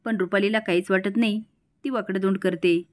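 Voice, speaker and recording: A woman hosting a TV serial recap, telling the episode in brisk storytelling style and reading out the dialogue. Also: medium pitch, fairly even intonation.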